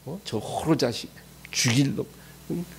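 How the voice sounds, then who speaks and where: A preacher plays a fuming crowd who spit out insults in sharp, indignant bursts. His voice keeps a gravelly fry throughout. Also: mid-range voice, measured pace, a little hiss or hum. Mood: outraged. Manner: indignant, swearing outbursts. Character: angry grumbling crowd of men.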